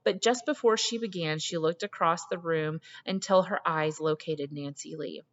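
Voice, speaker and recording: A woman reading a literary story aloud, expressive and measured, with dramatic pauses. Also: deep voice. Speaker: story reader. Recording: muffled, long hall reverb.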